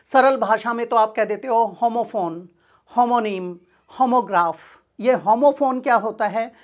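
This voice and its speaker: Female grammar teacher with a somewhat high voice; patient question-and-answer delivery, slightly muffled recording. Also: measured pace. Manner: explains step by step, asks the class questions and answers them herself; calls her students "beta". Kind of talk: exam-prep grammar lesson.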